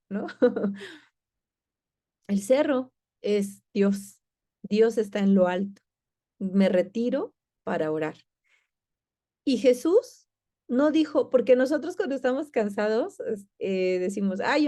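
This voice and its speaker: Mellow-voiced woman teaching a Bible class. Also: mid-range voice. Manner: warm, conversational, with many fillers and restarts.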